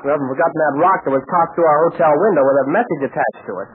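An actor playing an eager, earnest boyish adventurer sidekick in an old radio serial, on a vintage recording. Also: male voice, on the high side, racing, close to an everyday voice. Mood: eager, wary. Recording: tinny narrow-band old radio recording, noisy.

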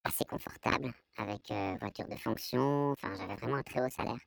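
A man with a Belgian French accent giving a hesitant, explanatory testimony, his voice artificially pitched down to disguise it. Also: brisk, vocal fry, no room sound. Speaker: anonymous interviewee giving testimony. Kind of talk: personal testimony in an interview.

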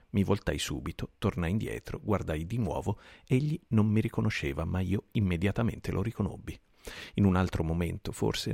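A man reading a classic novel aloud as an audiobook narrator, in a measured, unhurried way. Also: low-pitched, gravelly, a little mellow, no echo, clean studio sound. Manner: measured, unhurried reading with small self-corrections. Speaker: audiobook reader.

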